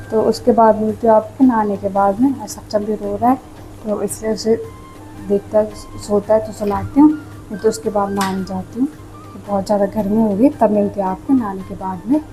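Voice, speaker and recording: A woman's voice: mid-range voice, warm tone, low-quality recording. Chatty young woman vlogging in her kitchen. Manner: chatty, keeps saying "friends" to viewers. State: hot and itchy from the heat. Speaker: home vlogger. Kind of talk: casual home cooking vlog narration. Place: home kitchen. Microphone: clip-on mic.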